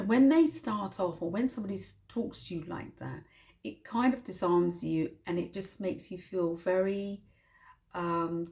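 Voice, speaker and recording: A woman hosting her own vlog channel, chatting casually and gushing with soft, drawn-out emphasis. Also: medium pitch, gravelly. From United Kingdom. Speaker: channel host.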